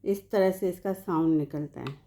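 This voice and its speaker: With a warm, fairly low-pitched voice at a moderate pace, a woman teaches a slow spoken language lesson. She patiently takes each word in turn and gives its meaning.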